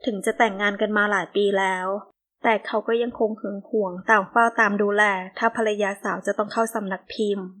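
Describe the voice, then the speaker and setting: Calm woman narrating a romance audiobook. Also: mid-range voice, fairly quick. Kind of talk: scripted narration of a romance novel.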